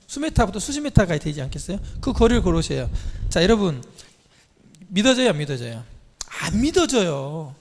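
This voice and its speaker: Animated high-voiced man preaching in a hall. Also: brisk. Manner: animated storytelling, quizzing listeners. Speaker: church teacher. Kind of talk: sermon to a congregation.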